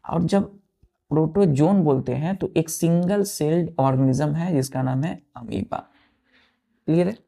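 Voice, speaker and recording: A man teaching a science class who spells words out letter by letter and keeps asking the pupils if it is clear. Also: fairly high pitch, unhurried, dark tone. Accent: Indian English. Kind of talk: classroom lesson at a board.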